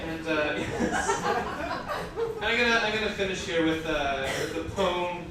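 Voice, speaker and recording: At a live event indoors, a man gives a comic, theatrical reading, his voice a little high and his pace measured, breaking off into mocking, incredulous, sweary asides. The room is echoey and noisy, he's far from the mic, and the audience can be heard in the background.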